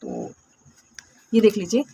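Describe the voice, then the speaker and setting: A woman teaching English phonics, patiently asking questions, answering them herself and repeating words slowly. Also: mid-range voice, wildly swooping pitch, warm tone, husky, no room sound. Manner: patient, calls viewers "my dear friends" and "beta". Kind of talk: classroom phonics lesson.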